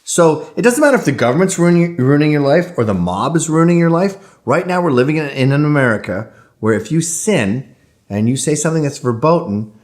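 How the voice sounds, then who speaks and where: A man's voice: on the high side, animated, brisk. A man speaking bluntly and animatedly as an interview guest, often acting out other people in mock voices. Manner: blunt and provocative. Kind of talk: casual interview talk.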